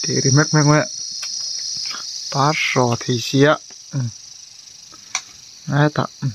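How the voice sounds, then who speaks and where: Chatty laughing man outdoors, crickets loud. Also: mid-range voice, level tone, takes it slowly, background noise. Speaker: rat hunter. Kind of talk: casual chat outdoors.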